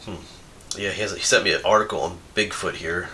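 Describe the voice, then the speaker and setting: Deep, brisk and bright, this man's forceful tone comes through a camera mic with a little hiss or hum. Opening viewer mail at home for his outdoors YouTube channel, he sniffles from a cold, rambles in casual chat and laughs often.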